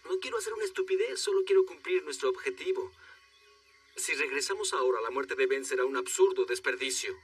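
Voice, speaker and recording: A man's voice: mid-range voice, expressive, a little fast, recorded from a distance, faint music behind, close to an everyday voice. A man dubbing an ambitious expedition leader in a film, talking in a persuasive, insistent way. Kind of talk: dubbed film dialogue.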